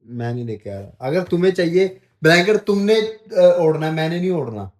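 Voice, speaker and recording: A man's voice: a little high, sing-song, fairly quick, a little mellow. A man, vlogging a stubborn, teasing argument with his wife at home in the bedroom. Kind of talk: casual bickering at home.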